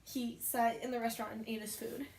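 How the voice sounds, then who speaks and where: A woman's voice: on the high side, level tone, fairly quick, a little mellow, slight background noise. A young woman casually telling rambling stories about her work, often correcting herself as she goes. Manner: rambling, chatty, self-correcting. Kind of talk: casual storytime chat. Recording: echoey room.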